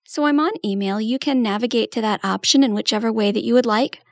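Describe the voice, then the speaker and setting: A woman's voice: on the high side, fast, dry recording, clean studio sound. A woman giving a patient, step-by-step tutorial walkthrough as a trainer. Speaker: assistive technology trainer.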